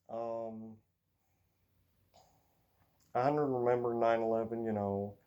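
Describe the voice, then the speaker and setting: A teenage American guy who vlogs about racing rambles casually in a medium-pitched, mellow voice with an Upper Midwest accent. He hesitates a lot, filling gaps with fillers and sighs. The lo-fi recording carries a faint hiss or hum.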